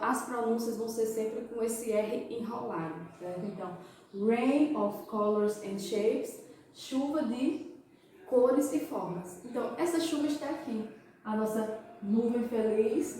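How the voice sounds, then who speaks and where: A fairly high-voiced Brazilian woman teaching English to young children, with her words drawn out carefully. She speaks from some distance from the mic in a strongly echoing room, so her voice comes back off bare walls. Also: dark tone. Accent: Brazilian Portuguese. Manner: slow, exaggerated pronunciation of English words; asks and answers her own questions to the viewers. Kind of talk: children's language lesson. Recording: echoey room, far from the mic.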